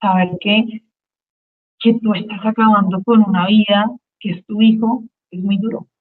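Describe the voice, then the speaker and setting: A woman tells her personal faith testimony as a guest, earnest and emotional, often repeating a phrase to make it land. Her voice sits at a medium pitch. The sound is narrow and tinny, as if carried over a phone line. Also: steady tone, normal speed. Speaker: guest giving a religious testimony.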